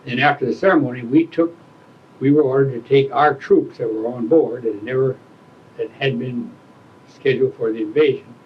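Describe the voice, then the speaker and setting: Male, around eighty, old veteran recalling his past in an interview, searching for words, slight background rumble. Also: moderate pace, highs cut off. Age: older, around 80. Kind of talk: oral history interview, reminiscing.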